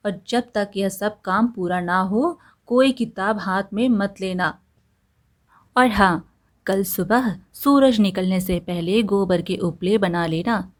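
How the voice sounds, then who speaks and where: A woman's voice: mid-range voice, takes it slowly, close to an everyday voice. A woman voicing a stern, scolding middle-aged mother-in-law in a storybook tale, harsh and bossy.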